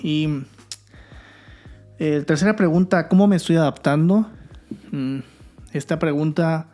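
A young man with a fairly high voice speaks in an earnest, candid way, as if talking straight to his viewers. His casual vlog delivery is heartfelt and plain. Soft music plays faintly behind him. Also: unhurried. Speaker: vlogger, new father. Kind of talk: casual vlog talk to camera.

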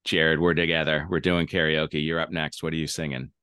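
A man's voice: a bass voice, flat delivery, brisk, bright, forceful tone, smooth, no echo. A man hosting a casual podcast interview, speaking in an enthusiastic, affirming way. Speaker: podcast host.

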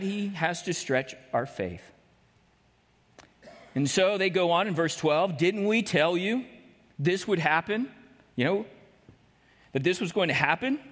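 Brief: male pastor, high voice, chatty sermon style, sinks low and slow for emphasis, long hall reverb. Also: fairly bright tone. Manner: conversational preaching, slowing and dropping low for emphasis. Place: church hall.

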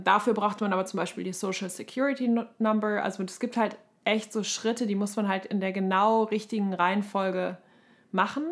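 A woman in her thirties from Germany co-hosts a podcast, chatting colloquially in anecdotes and mixing in English terms. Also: mid-range voice. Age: 30s. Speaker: podcast co-host. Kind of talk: casual conversational podcast chat.

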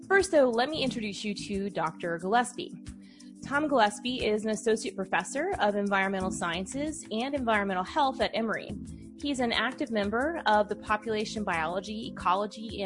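A woman hosts an interview show. She reads her introduction evenly and then asks her questions in a looser, chatty way with small fillers. Music plays clearly beneath her voice. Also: medium pitch. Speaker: podcast host.

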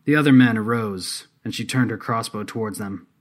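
A man narrating a scripted story in a steady, measured way. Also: on the low side.

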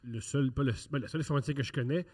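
A man with a Québécois French accent talks as a podcast guest. His voice sits at an ordinary mid pitch. He teases the others and slips into anecdotes. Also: rapid-fire, darkish tone, husky. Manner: teasing, storytelling banter. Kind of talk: casual podcast chat.

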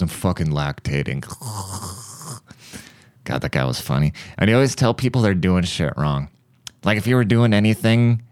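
A man's voice: sits low, no room sound, studio quality. A young man hosting a podcast, telling crude, irreverent stories in a casual comic monologue. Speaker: podcast host.

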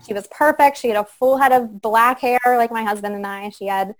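A young woman guest on a podcast interview, speaking softly and reflectively with frequent pauses and fillers. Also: a little high, fairly even intonation, low-quality recording. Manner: soft, reflective, many fillers. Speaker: guest sharing her story. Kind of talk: conversational interview.

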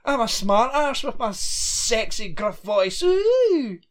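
Man doing a smug sneering guy, high mocking voice, drawn out, sarcastic. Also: takes it slowly, fairly bright tone. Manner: exaggerated high mocking impression.

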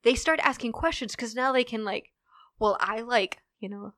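Woman guest for a casual podcast chat, animated and quick with asides, dry close mic. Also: a little high, no echo.

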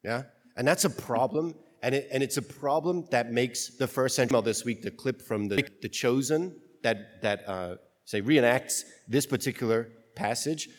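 A man's voice: mid-range voice, normal speed, few pauses. A priest reading the gospel and then preaching in a casual, joking way, his voice ringing with a long cathedral-like echo. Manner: casual, joking, thinks aloud with restarts.

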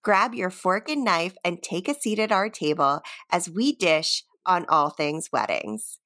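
Slow-talking woman podcast host. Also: on the low side, expressive, a bit bright. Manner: friendly, fills pauses with ums. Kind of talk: podcast intro and casual interview.

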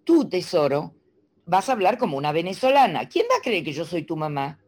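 A middle-aged woman from Argentina, a speech coach explaining diction in a teacherly, animated way and demonstrating sounds. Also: fairly low pitch, a little fast, husky. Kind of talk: interview guest explaining.

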